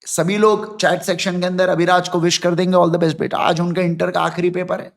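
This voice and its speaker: A man in his thirties from India teaching law in an online class, mixing Hindi and English, dictating slowly and then explaining quickly and directly to students. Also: sits high, gravelly. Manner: animated, talks to students directly. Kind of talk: online lecture, dictating notes.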